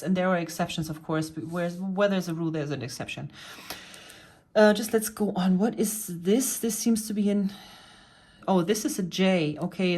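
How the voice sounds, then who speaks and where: A woman's voice: on the low side, darkish tone. A woman vlogger patiently explaining and pointing things out in a casual show-and-tell about her cross-stitch hobby.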